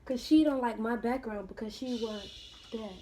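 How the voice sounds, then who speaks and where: A young woman with a fairly high voice chats and teases her way through an eating vlog at home. Her talk is loose and casual, full of banter. A steady noise sits behind her in the home recording. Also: moderate pace. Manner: chatty, teasing banter. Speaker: mukbang vlogger. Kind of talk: casual chat while eating.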